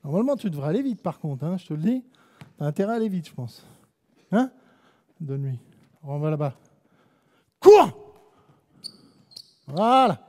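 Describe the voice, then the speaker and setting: A man's voice: on the high side, sing-song, brisk, long pauses, mellow. Man coaching in an echoing gym. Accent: French. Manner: barks short commands, teasing players. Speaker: basketball coach. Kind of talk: live coaching clinic on court. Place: indoor basketball gym. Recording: long echo of a gym hall.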